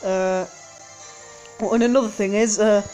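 A woman's voice: mid-range voice, steady tone, unhurried, mellow, faint music behind. A woman hosting a game channel, giving casual gameplay commentary indoors at home, rambling with frequent hesitations and self-corrections. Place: indoors at home, street outside.

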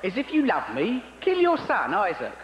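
A prim, passive-aggressive God, put on by a comedian, his voice pitched up above the man's own. He nags in a fussy, needling way. Heard live in a long, reverberant hall with audience noise behind. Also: huge pitch swings, moderate pace, highs cut off. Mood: prissy, needling. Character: petty, fussy male God, Old Testament tyrant.

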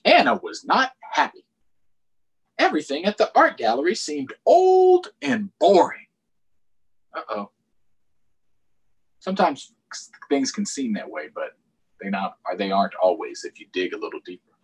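Reading aloud to children from a small room at home, a middle-aged American storytime host sounds very animated, with a mid-range, slightly rough voice at a moderate pace and frequent pauses. He adds chatty explanations, and the video-call audio is low quality.

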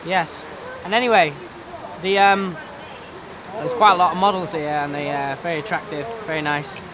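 A man's voice: fairly high pitch, normal speed, a crowd in the background. A slightly tired man from a pop band chatting on a lunch break at a shoot, hesitant with plenty of "uh" and "um". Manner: relaxed, hesitant with "uh" and "um". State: a bit tired. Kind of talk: casual behind-the-scenes chat. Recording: noisy outdoor ambience.

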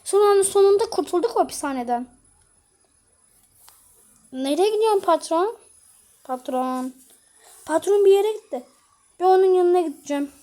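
A woman, a YouTuber, voicing every character in a homemade episode with casual, playful banter and quick switches between voices. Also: very high-pitched, expressive, warm tone.

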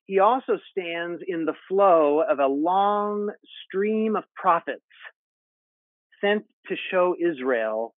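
Male pastor in his forties, slow and deliberate, slightly high voice, home sermon over a narrow, phone-like call. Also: no echo. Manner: measured, deliberate preaching with expressive hand gestures. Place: home study with bookshelves, indoors. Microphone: earbuds on a video call. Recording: phone-like narrow sound, dry.

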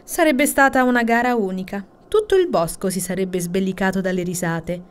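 A woman voicing an arrogant, boastful female hare who taunts in a high, loud voice for a bedtime storybook. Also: normal speed, natural voice. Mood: mocking.

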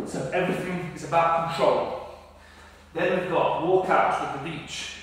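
A fairly high-voiced man, out of breath, talks through a workout in a loose, casual way and fixes his own slips as he goes. He stands some way from the mic in a very echoey room with a long ring to it. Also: unhurried, fairly bright tone, recorded from a distance, slight background noise. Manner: casual, explains step by step with self-corrections. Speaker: fitness coach. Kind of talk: workout instruction. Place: indoor home workout space.

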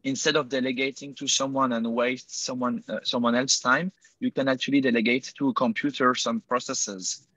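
Over a video call using earbuds, a Swiss guest entrepreneur in his 20s with a French accent answers interview questions from an indoor room beside a window, sounding hesitant, with lots of fillers and self-corrections. His mid-range voice has a fairly bright tone. There's no echo, but the highs are cut off.

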